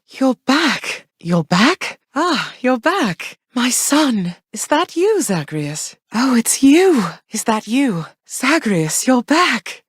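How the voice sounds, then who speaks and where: A woman's voice: medium pitch, husky, dry recording, clean studio sound, exaggerated voice. An actress voicing Persephone, a tender, proud goddess mother who speaks in formal, old-fashioned phrases. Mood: joyful. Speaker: game character voice. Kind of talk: game voice lines.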